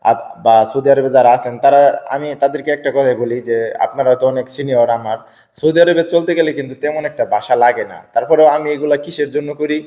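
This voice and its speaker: A man's voice: mid-range voice, dark tone. Hesitant Bengali-speaking man in a reverberant room. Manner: hesitant, many fillers, repeats itself. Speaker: vlogger. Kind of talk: casual talk to viewers.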